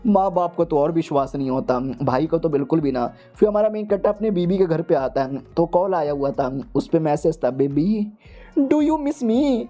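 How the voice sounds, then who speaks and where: A man's voice: fairly high pitch, a little fast, few pauses, mellow, soft background music. A man narrating a comic manhua recap in a slangy, joking storytelling manner.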